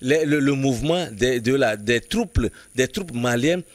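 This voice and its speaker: A man's voice: medium pitch, animated, soft background music. A man commenting in a studio political debate, arguing insistently and often restarting words as he builds his point. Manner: halting, restarts words while building an argument; emphatic, insistent reasoning.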